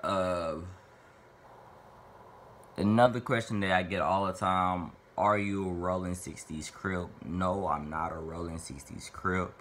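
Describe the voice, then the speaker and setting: There's a little hiss or hum behind this low, fairly even, slightly slow and a bit bright male voice. The Little Rock, Arkansas native in his twenties sits in a small bedroom, answering fan questions to camera in a rambling, profane, playful monologue.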